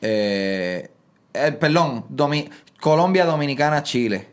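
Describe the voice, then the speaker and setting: Animated Puerto Rican man telling stories. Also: fairly high pitch, slow pace. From Puerto Rico. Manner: animated storytelling, acts out quotes. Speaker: guest comedian. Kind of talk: casual podcast chat.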